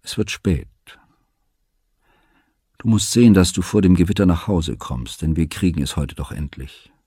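A man reading an audiobook and voicing a calm, weary aging father who speaks softly and in a measured way. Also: sits low, slightly rough, no room sound, clean studio sound. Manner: soft, measured, tired.

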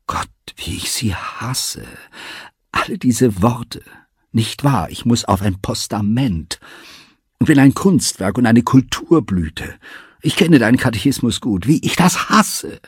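A man's voice: deep voice, expressive, moderate pace, a little mellow, husky, dry recording, clean studio sound, exaggerated voice. A man reading an audiobook and voicing a proud, bitter young woman of the gentry in a passionate, scornful way. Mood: furious.

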